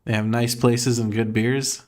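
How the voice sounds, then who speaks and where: A man's voice: mid-range voice, little pitch movement, measured pace, a little mellow. A man from Croatia with an American accent, chatting casually on a live gaming stream, reading chat aloud, laughing often and swearing offhandedly.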